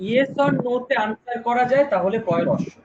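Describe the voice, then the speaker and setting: High-voiced male teacher on a lo-fi stream. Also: normal speed. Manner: lively, chatty explaining with questions to students. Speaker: online exam-prep teacher. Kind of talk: live online class. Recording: dull lo-fi stream with noise.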